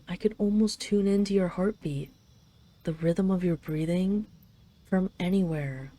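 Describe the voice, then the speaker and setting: A woman with a fairly low, dark, natural voice plays a possessive, doting dragon queen in an intimate roleplay audio. She speaks teasingly and tenderly, letting her words linger.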